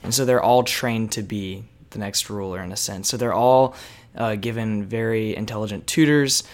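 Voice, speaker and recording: A young man co-hosting a casual history podcast, chatty and relaxed, often saying "like". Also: lowish voice, normal speed. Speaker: podcast co-host.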